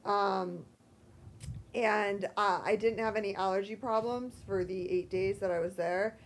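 A woman with an American accent and a hoarse, croaky voice from allergies, chatting casually and candidly as a self-deprecating podcast co-host. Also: mid-range voice, fairly even intonation, measured pace, slight background noise. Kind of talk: casual chat.

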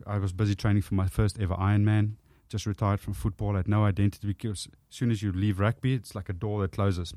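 Deep-voiced South African man telling stories. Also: dry recording, clean studio sound. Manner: storytelling, animated asides. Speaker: podcast guest. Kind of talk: casual chat.

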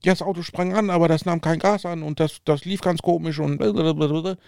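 A man imitating his young adult daughter, who asks flustered, whiny questions in a high, breathless voice. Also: steady tone, brisk, gravelly, a little mellow, no echo, studio quality.

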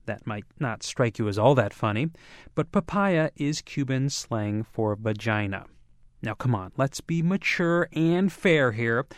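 A man's voice: mid-range voice, expressive, a little slow, dry recording, studio quality. A man reporting a scripted radio news feature in a wry, conversational way. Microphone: studio mic.

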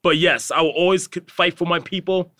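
A man's voice: high voice, fairly even intonation, fairly quick, bright, forceful tone, no room sound, clean studio sound. A young man in his twenties, a podcast guest in casual chat, earnest and upbeat with many fillers.

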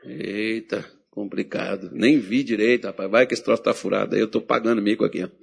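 A man's voice: fairly low pitch, brisk, gravelly, slightly rough. A man preaching a sermon, telling a story and acting out the voices of the people in it.

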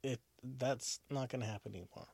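A man's voice: mid-range voice, steady tone, a little fast, creaky, a little mellow, slight background noise. A drunk man hosting a casual sports podcast alone, rambling, repeating himself and swearing. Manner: rambling, profane, repetitive. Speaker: podcast host.

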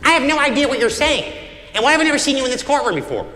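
An exasperated, stern judge, played by a man who scolds with impatience. His voice is very high and bright with lively swings. It echoes through a hall with long reverb. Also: racing, exaggerated voice. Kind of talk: comedy sketch acting.

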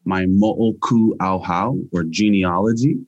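A man's voice: sits low, steady tone, unhurried, no echo, muffled recording. A young Hawaiian man answering interview questions casually as a guest scientist, with frequent restarts and fillers.

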